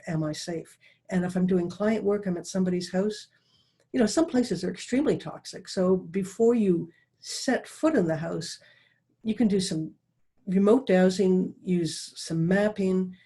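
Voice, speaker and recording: A middle-aged woman giving an online talk as a dowsing presenter, speaking quickly and earnestly with restarts and asides. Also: fairly low pitch, warm tone, husky. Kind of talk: online talk over a video call. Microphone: video call.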